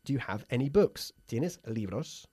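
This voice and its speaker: A man's voice: mid-range voice, expressive, a little slow, dark tone, husky, no echo. A man hosting an upbeat bilingual radio English lesson, who laughs often and drills pronunciation in a studio. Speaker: English teacher and host.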